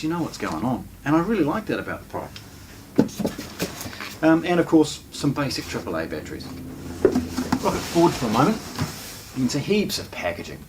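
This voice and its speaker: Against a noisy background, a man with a New Zealand accent and a medium-pitched voice does a casual product unboxing, explaining informally step by step as he handles each item.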